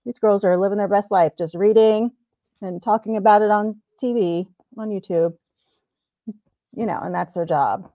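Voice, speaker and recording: A woman's voice: medium pitch, normal speed. A woman co-hosting a chatty podcast, laughing easily and rambling through her thoughts. Her voice comes through a dull, lo-fi recording in a dry space with no room echo. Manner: laughs often, rambling and animated. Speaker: podcast co-host. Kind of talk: casual chat.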